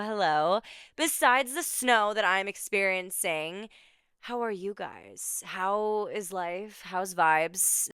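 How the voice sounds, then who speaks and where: A young woman hosts her own podcast in a bubbly, chatty way, stacking repeated words for emphasis. Her voice is bright and very clean, with sharp treble. The sound is dry and close. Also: medium pitch, smooth, no echo. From Minnesota, USA. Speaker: podcast host. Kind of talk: casual solo podcast chat.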